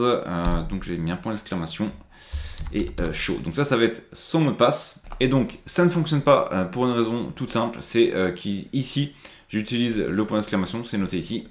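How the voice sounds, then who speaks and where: A man's voice: lowish voice, reverberant. A man presenting a screen-recorded IT tutorial, explaining step by step with frequent hesitations.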